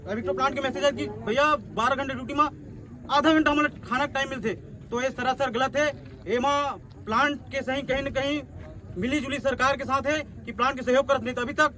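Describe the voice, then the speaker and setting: A man with a Chhattisgarhi accent giving a forceful protest speech outdoors as an activist coordinator, asking rhetorical questions and repeating his points. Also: very high-pitched, slight background noise.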